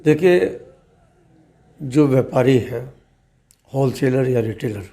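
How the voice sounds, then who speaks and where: A man, a trade representative, giving measured, emphatic interview answers and often posing rhetorical questions. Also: mid-range voice, lively intonation, mellow. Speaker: trader association leader interviewed as guest.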